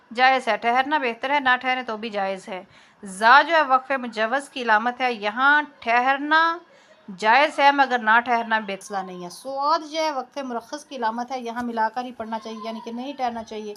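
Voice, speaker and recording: A woman teacher explaining the rules of pausing in Quran recitation, patiently repeating each point. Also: on the high side, pushed and bright. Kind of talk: explanatory tajweed lesson.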